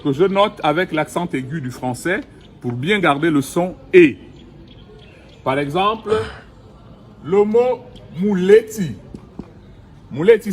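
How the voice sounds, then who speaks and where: Slow, deliberate man teaching vowels. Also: high voice, slight background noise. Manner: slow, deliberate, repeats vowels and example words. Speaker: language teacher. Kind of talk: recorded language lesson. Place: outdoors in the sun.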